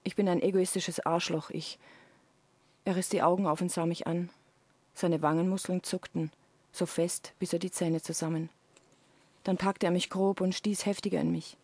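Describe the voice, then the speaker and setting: A woman reads an intimate passage from her own novel in a low, hushed voice. The sound is dry and close, with no room around it. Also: level tone, normal speed, dry recording. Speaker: author reading her own novel on the radio. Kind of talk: dramatic reading of an erotic novel.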